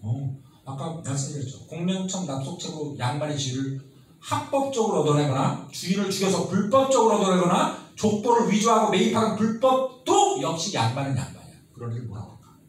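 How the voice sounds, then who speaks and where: A man giving a lively history lecture who asks his students constant questions and acts out the people he quotes. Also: sits high, a little fast. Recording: very echoey room, mic at a distance, faint noise.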